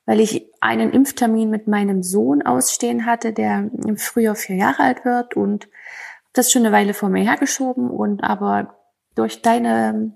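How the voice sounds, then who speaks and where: Woman with a slightly high, gravelly voice, telling a detailed story on a voice memo. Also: steady tone, a little slow, a little mellow. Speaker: mother of a young son. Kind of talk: casual voice message.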